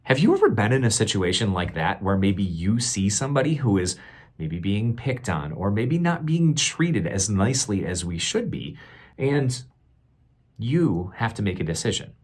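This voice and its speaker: Reading a picture book aloud the way a teacher would, a man speaks expressively and deliberately, stopping to ask the young listeners questions. His voice is fairly low and slightly rough.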